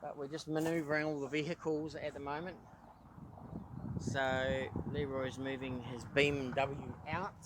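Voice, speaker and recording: A man's voice: mid-range voice, flat delivery, measured pace, very noisy. A middle-aged New Zealand man with a New Zealand accent hosts a casual do-it-yourself boat-repair vlog. He chats in an easygoing way and thinks aloud as he goes, sounding tired. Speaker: boat owner and channel host.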